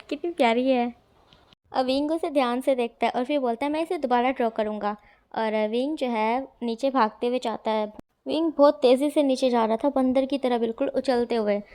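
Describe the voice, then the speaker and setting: A woman tells a romantic fan story in an easygoing, conversational way, pausing on fillers and restarting phrases as she goes. Her voice is smooth and clear and sits a little high. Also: darkish tone. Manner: casual, chatty retelling with fillers and restarts. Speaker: fanfiction narrator. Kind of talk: storytelling narration with quoted dialogue.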